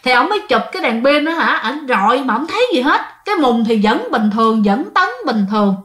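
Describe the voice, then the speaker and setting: High-voiced Southern Vietnamese woman storyteller. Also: fairly quick. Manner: lively, animated retelling with quoted dialogue. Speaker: ghost story narrator. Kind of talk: storytelling ghost story, addressing listeners.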